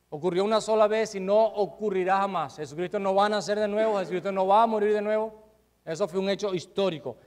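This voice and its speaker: A pastor with a high-pitched voice preaches, his volume rising for emphasis and dropping for quiet asides as he puts rhetorical questions to the congregation.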